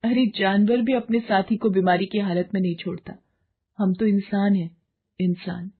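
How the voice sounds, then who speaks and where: Loyal young wife speaking up hard, done by a woman narrator, raised and passionate, husky voice, tinny phone-like sound. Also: mid-range voice, steady tone, moderate pace. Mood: impassioned. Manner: passionate, impassioned. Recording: muffled phone-like lo-fi audio.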